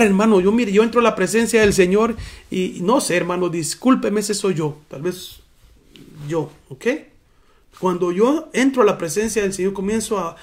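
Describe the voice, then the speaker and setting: A man preaching a sermon in church as pastor, earnest and personal, often calling his listeners brothers. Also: high voice.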